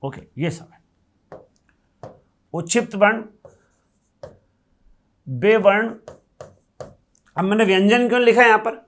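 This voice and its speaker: A man's voice: high voice, animated, slow pace, pauses often. A male Hindi grammar teacher giving a classroom lecture, explaining step by step, asking questions and answering them himself, and repeating key terms.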